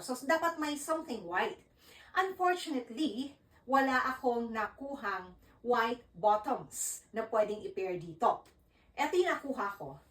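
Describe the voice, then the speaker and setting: A Filipino woman chats her way through a fashion vlog in a slow, easy rhythm, her voice sitting a touch high. She sounds set back from the mic in a roomy, echoing space. Her delivery is chatty and animated as she dresses and styles an outfit. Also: recorded from a distance. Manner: chatty, Taglish code-switching, animated. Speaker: fashion vlogger. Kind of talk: casual vlog.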